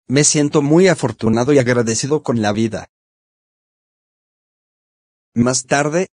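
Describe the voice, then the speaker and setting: Synthetic male narrator, medium pitch, measured scripted diary delivery, very dry close sound. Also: a little mellow, dry recording. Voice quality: synthetic text-to-speech voice. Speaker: columnist narrating his weekly diary. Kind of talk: scripted first-person narration.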